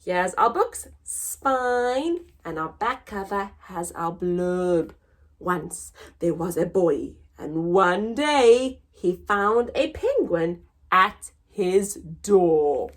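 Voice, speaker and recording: Drawing out her words in an expressive, deliberate way, a woman with a fairly low voice hosts story time, reading a picture book aloud to young children.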